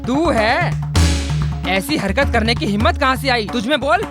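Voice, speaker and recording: A man dubbing a loud, mocking, scheming brother of the bride in a film. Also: very high-pitched, animated, moderate pace, loud music behind the voice. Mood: furious. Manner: mocking, blustering, laughing. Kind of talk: Hindi film dub.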